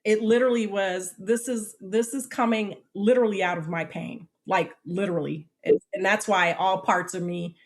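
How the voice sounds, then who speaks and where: A woman in her fifties, a podcast guest telling personal stories in a lively, animated way and acting out the voices in them. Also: mid-range voice, moderate pace, few pauses. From United States. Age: 50s. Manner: animated storyteller, acts out quotes, repeats "literally". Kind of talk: podcast interview storytelling.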